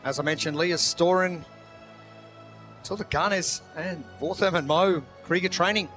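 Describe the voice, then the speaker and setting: A man with a high-pitched voice commentates live on a sports broadcast. Faint music plays behind him. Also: a little slow, fairly bright tone.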